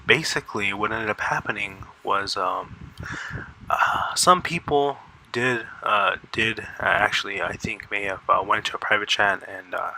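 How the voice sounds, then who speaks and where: A man rambling through casual commentary at a close mic, halting with many fillers and restarts. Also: fairly low pitch, fairly even intonation, gravelly, pushed and bright, a little hiss or hum, low-quality recording. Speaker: YouTuber. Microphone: close desk mic.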